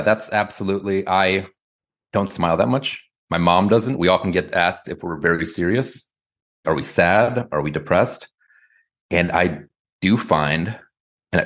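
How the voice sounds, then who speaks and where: Low-voiced american guy, guest on a podcast, hedgy and thoughtful, lots of "kind of". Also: fairly bright tone. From United States. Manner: thoughtful, hedging, many "kind of" and "like". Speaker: guest author. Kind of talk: conversational interview answers.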